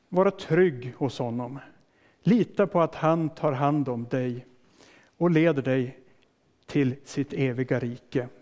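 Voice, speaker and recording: A man's voice: mid-range voice, darkish tone. A man preaching a sermon as a pastor, explaining in plain words and putting questions to his listeners. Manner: casual fillers and restarts.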